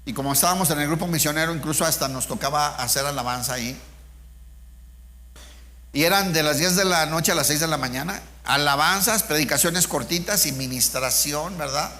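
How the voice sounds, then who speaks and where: A man's voice: fairly high pitch, fairly quick, pushed and bright, slight background noise. A middle-aged man, preaching an informal sermon with personal testimony, speaking conversationally and asking his listeners rhetorical questions.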